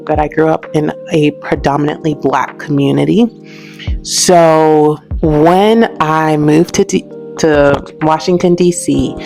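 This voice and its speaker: Low-voiced american woman chatting to camera, animated and laughy, soft music behind. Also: vocal fry. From United States, raised in Alabama. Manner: animated, chatty, laughs between lines, big pitch jumps. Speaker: host. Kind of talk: casual direct-to-camera storytelling.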